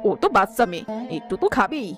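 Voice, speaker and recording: Woman doing a cartoon village elder, mid-pitched voice, chiding, sympathetic, music under. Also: expressive, fast, fairly bright tone, close to an everyday voice.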